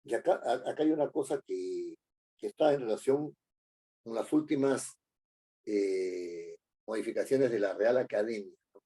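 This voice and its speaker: A man teaching a lesson, pausing often with fillers and tag questions. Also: lowish voice, mellow, husky. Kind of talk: lecture.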